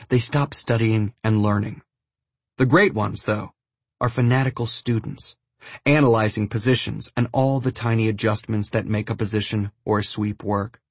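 A man's voice: medium pitch, husky, dry recording. A man narrating a scripted first-person account as an audiobook reader.

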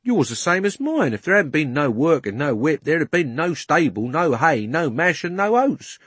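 A man reading aloud gives a cabby, high and loud, with a rough drawl. He grumbles with indignation, blunt and stubborn, like a working man who feels wronged. The storybook voice is dry and close. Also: sing-song, normal speed, no echo, exaggerated voice. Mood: indignant. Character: male cockney cabby, blunt and loyal.

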